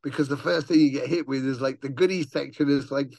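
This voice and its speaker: A man with a gravelly growl, chatting casually as an interview guest and swearing as he tells stories. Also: medium pitch, quick pace, no echo. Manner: swearing, animated storyteller who acts out voices. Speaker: touring metal musician, guest.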